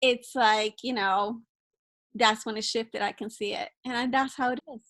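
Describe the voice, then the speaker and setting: A woman's voice: on the high side, fairly even intonation, a little slow, a bit bright. A woman hosting an interview, affirming her guest and speaking directly to the viewer. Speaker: host. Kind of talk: encouraging interview talk.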